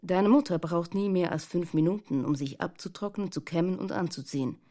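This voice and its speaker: A woman reading a storybook does a grown man looking after two children, warm and low in colour. He teases lightly and lays down rules with gentle firmness. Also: brisk, lightly acted. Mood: teasing. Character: adult man, easygoing caretaker of the children.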